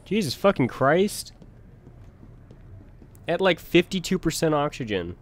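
A young man in casual voice chat while playing a game, excitable and swearing. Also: fairly high pitch, measured pace. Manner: excitable, swears and yells in panic. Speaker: gamer.

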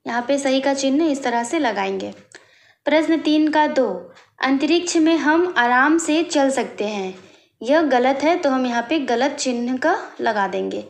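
A woman teacher slowly working through a worksheet, explaining each answer step by step as she writes. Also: sits high, expressive, creaky, echoey room. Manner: slow, explaining step by step while writing. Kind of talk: worksheet walkthrough lesson.

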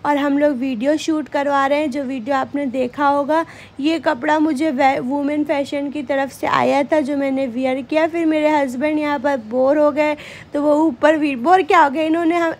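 A young woman narrating a family outing vlog in a chatty way, talking straight to her viewers. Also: sits high. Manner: chatty, addresses viewers as guys. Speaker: vlogger.

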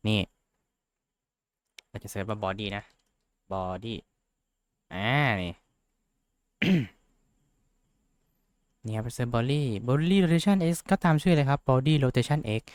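A man's voice: medium pitch, a little mellow, clean tone, dry recording. A young man casually talking through a tutorial, rambling and joking at himself, with lots of fillers. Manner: rambling, self-mocking, chatty with fillers. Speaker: VTuber tutorial host. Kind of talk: casual screen-share tutorial.

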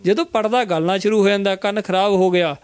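A man, an herbal remedy practitioner, explaining home cures in a health interview and acting out his patients' words in an animated way. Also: high voice, fairly quick, clean tone.

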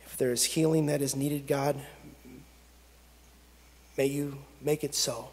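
Slow-praying pastor in a reverberant sanctuary. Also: male voice, mid-range voice, steady tone, darkish tone. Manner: slow, measured prayer cadence with long pauses. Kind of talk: pastoral prayer and scripture reading. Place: church sanctuary at a pulpit. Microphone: pulpit gooseneck microphone. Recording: long reverb of a church sanctuary.

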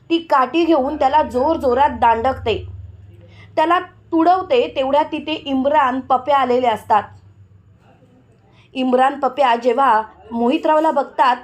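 A woman narrating a TV serial episode recap in a brisk, matter-of-fact storytelling manner. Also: sits high, a little mellow.

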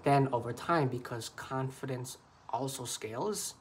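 A man's voice: medium pitch, measured pace. Man vlogging, earnest, repetitive, rambling to camera, faint background hum. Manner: earnest, repetitive, loose improvised phrasing. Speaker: beatbox vlogger.

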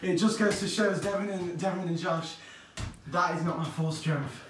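A man's voice: high voice, normal speed, a crowd in the background. A British man coaching two friends at boxing in a casual chat, encouraging them and repeating himself, recorded from a distance in an echoey room. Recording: echoey room, far from mic.

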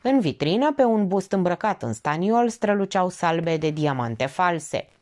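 A woman reading a novel aloud as audiobook narration, telling it expressively. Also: lowish voice. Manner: expressive, even storytelling. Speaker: audiobook reader.

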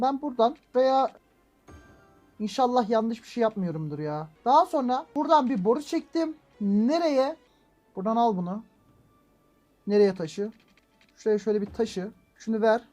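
In this let's-play clip, the high-voiced host mutters along to his own gameplay, then erupts into loud frustrated exclamations. Excitable and prone to mild swearing, he shifts between quiet self-talk and noisy outbursts.

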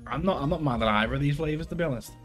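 A man's voice: a little high, racing, faint music behind. A man in his thirties in a casual, sweary challenge chat, talking while eating gross jelly beans. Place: small living room at home, indoors.

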